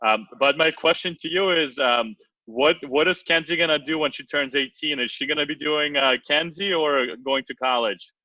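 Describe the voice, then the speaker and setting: A man's voice: fairly high pitch, normal speed, bright, forceful tone, dry recording, recorded from a distance, lo-fi sound. A man hosting a live Q&A event, upbeat and polite as he thanks the guest. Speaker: event host.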